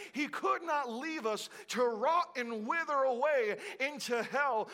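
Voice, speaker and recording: A man preaching a sermon, building to shouted declarations and dropping to hushed, slow lines. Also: very high-pitched.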